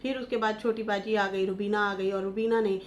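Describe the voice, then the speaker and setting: A woman from Pakistan hosts online gossip news, talking through a family scandal with emotion, scolding and retelling what others said. Her mid-range voice is steady and brisk, in lo-fi sound with slight background noise.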